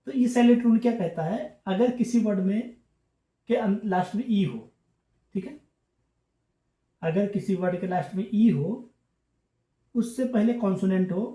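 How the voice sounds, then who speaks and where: A man teaching a grammar lesson, explaining patiently and repeating himself, often pausing to check in with the class. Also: sits high, mellow, roomy sound. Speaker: English teacher.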